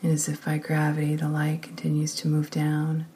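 A woman leading a guided meditation in a soft, often whispered, slow and soothing voice. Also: deep voice, completely flat delivery, a little hiss or hum.

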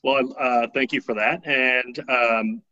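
A man's voice: mid-range voice, fairly even intonation, slow pace, sharp tone, no room sound, lo-fi sound. A man in his thirties from Taiwan, telling his life story casually as an interview guest, often tagging his lines with "right?".

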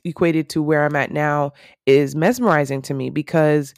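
A woman's voice: sits low, steady tone, moderate pace, vocal fry, darkish tone, no echo. Earnest woman in her thirties, dry sound. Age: 30s. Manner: earnest, rambling, with many fillers. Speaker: podcast host. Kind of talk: reflective solo podcast monologue.

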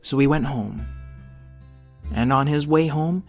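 Slow-paced male children's storyteller. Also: a little high, darkish tone, soft background music. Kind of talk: scripted children's story narration.

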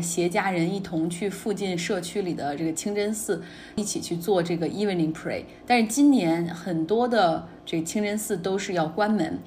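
A woman's voice: medium pitch, a little mellow, a little hiss or hum. A woman hosting a daily news podcast, commenting on the day's stories in a conversational, opinionated way. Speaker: podcast host.

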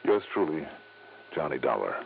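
An actor playing a hard-boiled, wry investigator in vintage radio drama, with clipped slangy delivery. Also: male voice, extremely low pitch, sing-song, normal speed, vocal fry, full character voice. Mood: breezy. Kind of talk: 1950s-60s radio drama acting and narration. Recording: vintage radio broadcast, muffled narrow band, music.

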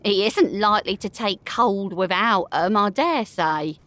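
A woman's voice: mid-range voice, lively intonation, a little slow, a bit bright, dry recording. A woman playing a scornful, thieving working-class charwoman in an audio drama. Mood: gleeful, brazen.

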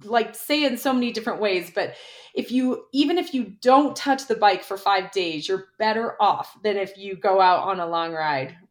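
A middle-aged woman, a former pro cyclist and coach, chatting casually in an interview and telling stories with lots of "like". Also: medium pitch. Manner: chatty, quick storyteller with frequent "like".

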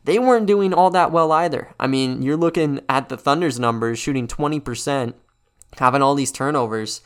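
Quiet but clear male sports podcaster. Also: medium pitch, moderate pace. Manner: conversational, loosely unscripted. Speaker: podcast host. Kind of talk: casual sports game recap.

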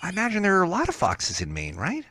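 Jokey guy cohost, pitch all over the place, bright tone. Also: huge pitch swings, quick pace, breathy edge, dry recording, clean studio sound. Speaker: podcast co-host. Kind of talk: casual chat.

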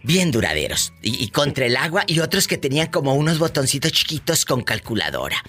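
Animated Mexican radio host, bright voice. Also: male voice, medium pitch, brisk, soft background music. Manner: theatrical, teasing, playful exclamations. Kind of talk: lively radio talk show banter.

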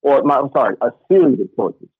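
A man calling into a podcast over a Bluetooth headset, his voice gurgling and muffled as if underwater, talking haltingly with many fillers. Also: medium pitch, sing-song, breathy edge, no room sound. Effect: muffled gurgling underwater-sounding audio. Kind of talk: casual opinion chat. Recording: muffled lo-fi headset call line.

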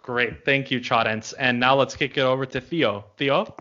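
A man from Los Angeles hosting a casual podcast, talking in a relaxed way with lots of fillers. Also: medium pitch, normal speed, lo-fi sound. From Los Angeles, United States. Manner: relaxed, filler-heavy, friendly. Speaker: podcast host.

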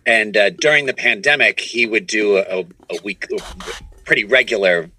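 An improv comedian and producer rambles in a casual podcast interview from his home studio, frequently restarting his sentences with false starts. His voice is on the low side, expressive, bright, forceful and husky at a normal speed, and the recording is rough.

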